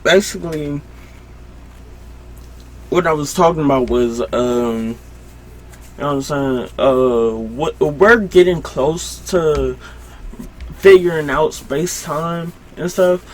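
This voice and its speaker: A young man hosting a solo podcast at home late at night, rambling casually with lots of fillers and breaking off his own sentences. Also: a little high. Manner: loose, self-interrupting, lots of fillers; slow, drowsy late-night talk.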